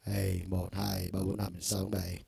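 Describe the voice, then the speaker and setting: A man with a low, gravelly voice walks through a keyboard's vocal effects in a loose, conversational way. His tone is dark and mellow. The sound is dry and close, with little room around it. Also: level tone, moderate pace, no room sound. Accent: Vietnamese. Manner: loose and conversational, with frequent filler words. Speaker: music store product demonstrator. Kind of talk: casual instructional demo.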